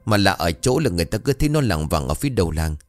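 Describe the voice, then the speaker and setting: A man's voice: low voice, big pitch swings, fast, no room sound, faint music behind. A man voicing a caring, talkative older wife who frets over her husband. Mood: uneasy.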